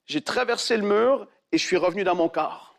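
A man's voice: a little fast, creaky. A man preaching, telling a testimony dramatically and acting out the quoted voices. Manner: animated storyteller who acts out quoted voices in a much higher pitch. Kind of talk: sermon storytelling.

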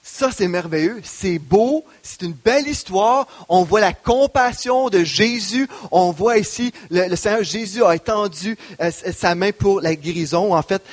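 A man, preaching a sermon as pastor, asking the congregation questions. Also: high-pitched. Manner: preaching with rising emphasis and rhetorical questions.

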